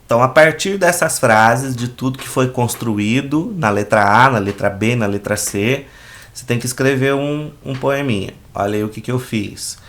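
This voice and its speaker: A man's voice: mid-range voice, normal speed, a bit bright. A man with a Brazilian Portuguese accent, a teacher patiently walking students through a worksheet and checking in often. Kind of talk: explaining a school worksheet.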